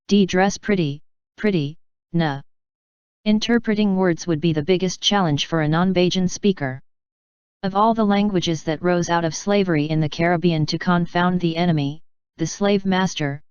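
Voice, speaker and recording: A woman reading scripted educational narration in a measured, formal, explanatory way. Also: on the low side, a little mellow, smooth, dry recording, muffled recording.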